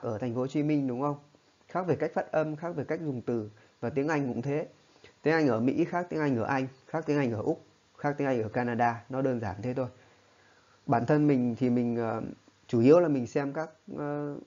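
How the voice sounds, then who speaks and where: A man's voice: mid-range voice, warm tone, highs cut off. A man teaching a spoken lesson, explaining patiently and often checking in with his listeners. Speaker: English teacher.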